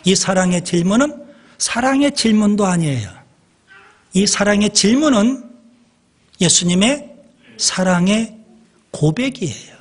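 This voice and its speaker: A male pastor delivers a sermon in a church. His voice sits a little high for a man and carries a husky, slightly breathy grain. He speaks slowly and deliberately, with pauses for emphasis, and turns often to the congregation. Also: expressive.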